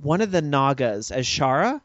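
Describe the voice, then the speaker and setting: A man hosting a casual gaming podcast, chatty and quick to laugh as he reads listener tweets. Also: mid-range voice, very animated, a bit bright, no room sound, highs cut off. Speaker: podcast host.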